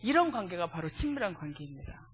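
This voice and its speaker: A woman's voice: lowish voice, fast talker, breathy edge. A woman leading a church family seminar, speaking with animation and checking in with the congregation with direct questions. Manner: animated, acts out everyday dialogues.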